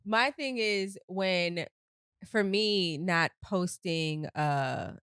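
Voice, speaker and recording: A woman co-hosting a casual podcast chat, emphatic and slangy with quick affirmations. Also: fairly low pitch, a bit bright, smooth, no echo, clean studio sound.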